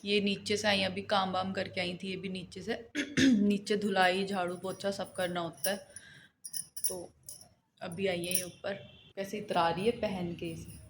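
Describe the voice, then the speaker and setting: A young woman vlogging at home, narrating her day softly and cooing in a high voice to her small daughter. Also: flat delivery, unhurried, background noise. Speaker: vlogger mother. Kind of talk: casual family vlog. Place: home courtyard outdoors in the sun.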